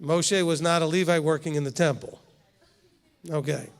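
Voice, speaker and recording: This rabbi, a man in his fifties, has a fairly high voice with a steady tone and a moderate pace, and a long reverb tail follows his words. He keeps the congregation's Torah study conversational in their hall, repeatedly asking "okay?"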